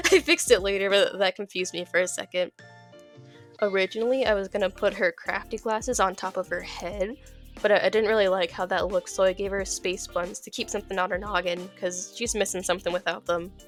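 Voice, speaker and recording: A young woman video creator narrates a casual art vlog in a mid-range, fairly quick, slightly bright voice, with soft music underneath. She's recovering from an illness, so her voice is a bit off. She giggles a lot and stumbles, repeating words.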